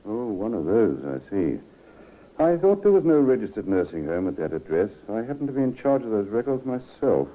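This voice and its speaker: An actor playing an officious, probing health registrar with a questioning manner, in old-time radio style on a tinny recording. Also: male voice, lowish voice, big pitch swings, normal speed. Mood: officious, suspicious.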